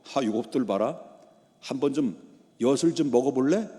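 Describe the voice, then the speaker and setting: A man's voice: mid-range voice, expressive, normal speed, mellow, long reverb tail, lightly acted. A pastor voicing an arrogant, furious male Egyptian king who barks scornful threats. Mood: mocking.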